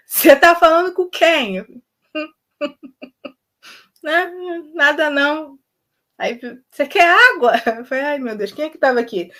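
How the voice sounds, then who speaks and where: A young woman, telling spiritual stories casually, laughing often and acting out dialogue. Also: high-pitched. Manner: animated, laughs often, acts out quoted dialogue. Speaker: spiritual content creator. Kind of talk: casual storytelling to camera.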